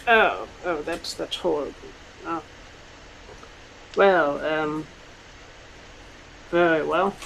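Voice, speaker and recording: A man improvising narration and dialogue as a tabletop game master, halting and searching for words as he goes. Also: on the high side, gravelly, fairly bright tone, slight background noise, poor audio.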